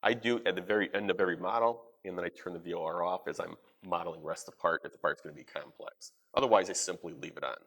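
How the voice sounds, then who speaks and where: A man giving practical advice in a live software demo at a conference session. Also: low voice, quick pace, few pauses. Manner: practical, advisory. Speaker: presenter.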